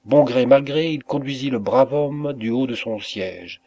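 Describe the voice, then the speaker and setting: A man narrating a literary story as an audiobook reader, with a measured, expressive delivery. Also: medium pitch, vocal fry. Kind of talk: scripted narration.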